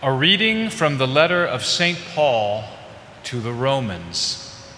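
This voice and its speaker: Slow-reading lector in cathedral echo. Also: male voice, medium pitch, big pitch swings, bright, forceful tone. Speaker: lector and cantor. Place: large church. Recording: roomy church reverb, faint hiss.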